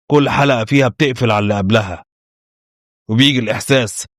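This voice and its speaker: Man, Egyptian accent, quick dramatic storytelling, dry close sound. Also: medium pitch, no room sound. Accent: Egyptian Arabic. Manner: dramatic storyteller, acting out dialogue. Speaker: narrator. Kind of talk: scripted true-crime narration.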